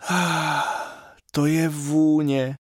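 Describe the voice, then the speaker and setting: A man's voice: a little high, flat delivery, dry recording, clean studio sound, voice pushed up, lightly acted. A man voicing a wide-eyed little boy. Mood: wondering. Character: small cheerful boy, curious and easily delighted.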